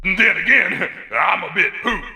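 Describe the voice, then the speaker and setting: A bragging, cowardly martial arts champion from a video game. His voice sits high and swoops all over, gravelly and husky, with a blaring, bright edge. He blusters and taunts, and game music plays behind him. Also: expressive, unhurried, heavily acted. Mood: boastful taunting. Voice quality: loud, blustering. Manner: brags and taunts, then loses nerve.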